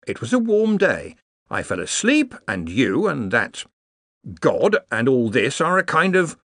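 A man voicing a grave, careful Victorian male naturalist who speaks in a slow, solemn, wooden way. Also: medium pitch, a bit bright, no room sound, studio quality, voice pushed up.

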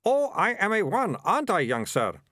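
A shrill, gleeful rat-catcher sidekick who cackles over his own gruesome jokes. His voice leaps far above the narrator's and comes out loud, in a dry, close recording. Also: huge pitch swings, normal speed, no echo, full character voice.

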